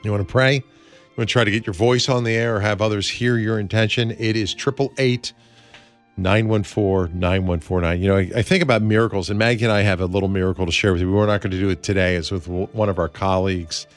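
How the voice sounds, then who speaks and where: A man hosting a radio show in a studio, talking in a smooth, earnest, conversational way with many fillers as he leads prayer. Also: fairly low pitch, steady tone, quick pace, soft background music. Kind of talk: smooth radio host talk, leading prayer.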